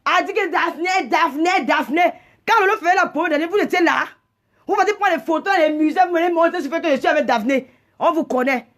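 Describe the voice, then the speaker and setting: Agitated female livestream host, very high pitch, indignant scolding delivery with stammered repeats. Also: fairly quick, fairly bright tone. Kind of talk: heated live rant.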